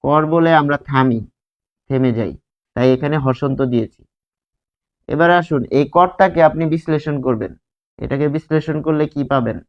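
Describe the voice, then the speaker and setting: A man teaching a grammar lesson at a board, spelling words out slowly and answering his own questions. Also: on the high side. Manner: asks questions and answers them himself. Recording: dull lo-fi sound.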